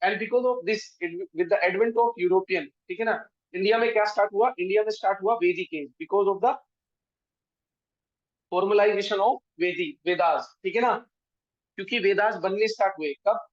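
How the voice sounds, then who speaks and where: A man's voice: sits high, a little slow. A man with an Indian accent giving a history lecture for exam prep, switching between Hindi and English and often checking in with his students. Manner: mixes Hindi and English, checks in with frequent tag questions. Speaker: history teacher. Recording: dull, dry lo-fi sound.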